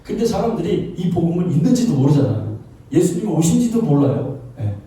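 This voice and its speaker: A male pastor preaching in a conversational way, asking rhetorical questions and dropping in short affirmations. His voice is very warm and dark, a bit high for a man. It is heard from well off the mic in a big, very echoey church hall. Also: sing-song, fairly quick, far from the mic. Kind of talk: sermon. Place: church sanctuary.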